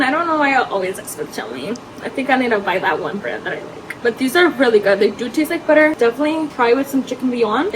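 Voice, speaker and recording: A woman's voice: a little high, a little hiss or hum, low-quality recording. A woman vlogging at home in her kitchen, chatting casually as she cooks, filling her talk with "like" and dropping in Spanish words. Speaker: lifestyle vlogger. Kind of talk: casual cooking vlog chat.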